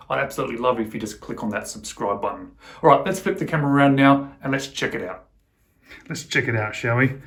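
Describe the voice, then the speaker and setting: A man, chatting casually and with enthusiasm as he reviews a vintage alarm clock for his channel. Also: medium pitch.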